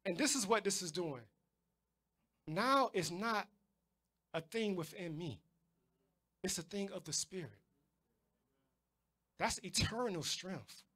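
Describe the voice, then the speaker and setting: A man's voice: sits high, animated, slow pace, long pauses, bright, forceful tone. A man preaching a sermon, emphatic, often repeating words as he drives a point home. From United States.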